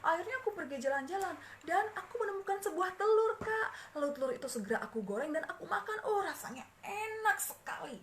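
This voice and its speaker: A woman's voice: moderate pace, fairly bright tone, reverberant, slight background noise. A woman doing a wailing little child turning reptile. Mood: eager. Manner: high, pleading, wailing cries. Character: frightened young child turning into a scaly reptile. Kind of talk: storytelling.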